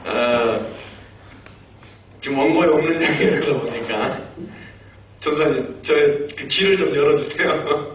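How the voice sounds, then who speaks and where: A man in his fifties preaching a Korean sermon as pastor, animated and humorous, having the congregation repeat lines after him. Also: mid-range voice, a little hiss or hum. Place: church sanctuary. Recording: echoey church hall miked from a distance.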